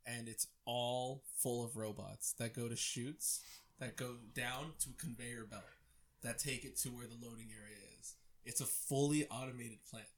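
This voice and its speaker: A man's voice: medium pitch, fairly even intonation, normal speed. Laid-back young man explaining plainly. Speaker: podcast co-host. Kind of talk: casual chat.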